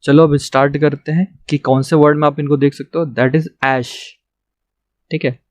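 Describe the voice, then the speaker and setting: A man's voice: on the high side, fairly even intonation, normal speed, no echo. A young man patiently teaching a shorthand lesson, checking in with "theek hai" after each point. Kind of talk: classroom lesson.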